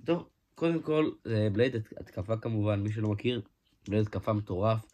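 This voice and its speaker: A man giving a casual hands-on toy review, excitable, exclaiming often and restarting his sentences. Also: fairly low pitch. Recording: noisy home recording with clicks.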